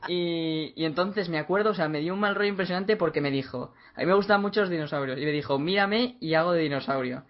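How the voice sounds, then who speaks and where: A man's voice: fairly high pitch, fast talker, hardly any pauses. A young man, co-hosting a casual chat and telling rambling stories full of fillers. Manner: rambling storyteller, lots of fillers. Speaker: podcast co-host. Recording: dull lo-fi audio.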